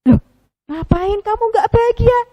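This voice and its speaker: A woman voicing Pupi, a cute, caring animal friend in a children's puppet story, asking eager, high questions. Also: lively intonation, normal speed, muffled recording. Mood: curious.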